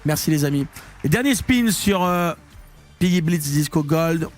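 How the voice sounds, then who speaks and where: A man commentating his live slot-machine stream, slangy and excitable, swinging between low muttering and loud hype. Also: a little slow, soft background music. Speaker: online casino streamer.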